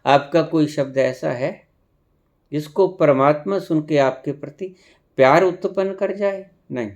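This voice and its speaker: A man giving a spiritual discourse, preaching slowly with sudden emphatic rises. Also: on the high side. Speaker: spiritual teacher.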